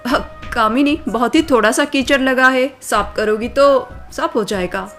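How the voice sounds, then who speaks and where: A kind young village man, voiced by a woman storyteller speaks in a patient, soothing way. The voice stays fairly high for a man. Faint music runs under the story recording. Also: measured pace, a bit bright. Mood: gentle.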